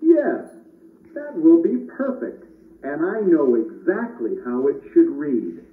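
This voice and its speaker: A man playing a kindly, reassuring old Santa Claus in a children's puppet show, measured and fatherly. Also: fairly high pitch, big pitch swings. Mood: pleased. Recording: noisy, roomy, distant, muffled phone-like audio.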